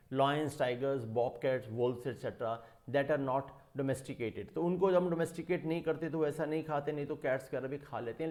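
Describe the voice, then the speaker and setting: A man with an Indian English accent teaching English vocabulary, reading the English text slowly and explaining it quickly in Hindi. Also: medium pitch, a little mellow. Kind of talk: classroom lecture explaining word roots.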